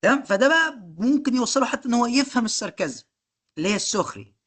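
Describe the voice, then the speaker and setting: A man's voice: very high voice, animated, racing, fairly bright tone. An Egyptian-accented man teaching a live online class. He drives each point forward with rhetorical questions, keeps checking "okay?", and slips English technical terms into his sentences. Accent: Egyptian Arabic. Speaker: course instructor.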